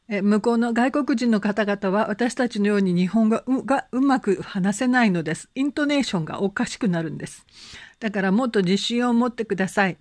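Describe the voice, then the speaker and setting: A woman with a fairly high pitch teaches English conversation online, her gentle, encouraging delivery full of fillers. Slow, careful example sentences are read out for students to repeat, recorded with clean studio sound and no room sound.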